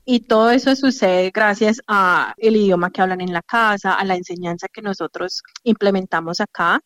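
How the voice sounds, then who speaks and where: A woman who works as an early childhood educator, answering interview questions in a thoughtful, explanatory way, pausing with fillers as she goes. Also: mid-range voice, fairly bright tone, dry recording. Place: childcare centre.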